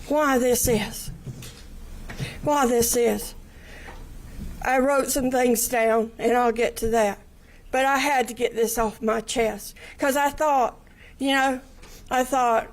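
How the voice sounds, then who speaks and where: High-voiced, slow, angry Southern older woman. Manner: angry, blunt, swearing, voice breaking into tears. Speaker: victim's family member giving an impact statement. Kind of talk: emotional courtroom victim impact statement. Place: courtroom.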